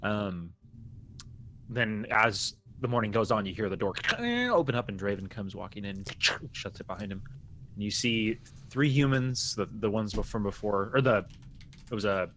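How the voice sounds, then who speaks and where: A man narrating a tabletop game as game master in a rambling, halting way, often laughing. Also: lowish voice, fairly bright tone.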